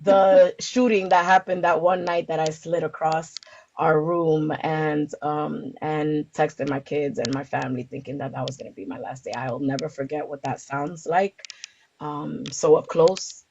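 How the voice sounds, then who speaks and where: A woman with a low, gravelly, slightly mellow voice speaks a little slowly and steadily as an interview guest. She's a community organizer from the Bronx, New York, answering informally and searching for words, captured in dull lo-fi audio with background noise and clicks.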